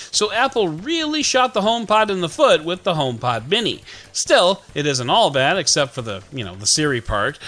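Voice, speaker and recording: A man's voice: high voice, pushed and bright. A man hosting a scripted tech news podcast, reading with wry, joking asides. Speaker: podcast host.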